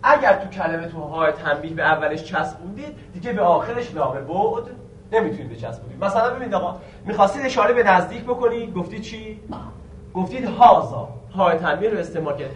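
A man teaching a grammar lesson, quizzing the students with questions and slowly stretching out key words. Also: high-pitched, animated, far from the mic, a little hiss or hum. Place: classroom. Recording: echoey room recorded from afar.

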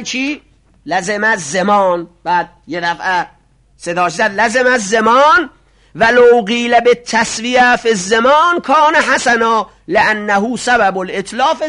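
A man teaching a seminary class on religious law. He reads passages aloud, explains them, and answers his own rhetorical questions. His voice trails off quietly at the ends of phrases. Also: very high-pitched.

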